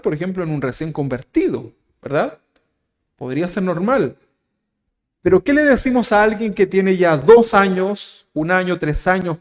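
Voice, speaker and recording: In a church, a Chilean pastor with a voice that sits high preaches a sermon in Chilean Spanish. He asks his listeners questions, tags lines with "¿verdad?", and swings from loud, emphatic phrases to soft asides.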